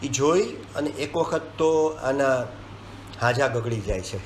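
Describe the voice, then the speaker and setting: A man's voice: mid-range voice, takes it slowly. A man reviewing a film, retelling its scenes in casual talk and acting out the lines. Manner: animated storytelling, acting out dialogue lines. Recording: echoey room with faint ambient hiss.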